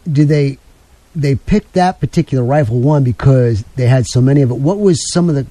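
Male call-in radio host, rapid delivery, very dark mellow tone, chatty and rambling. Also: medium pitch, no echo.

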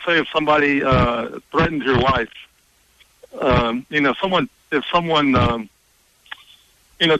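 A man phones in to a radio show and asks his question in a hesitant, halting way. His voice is bright and sharp. The line sounds dry. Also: medium pitch, no echo, low-quality recording. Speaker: caller. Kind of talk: call-in question. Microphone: phone call.

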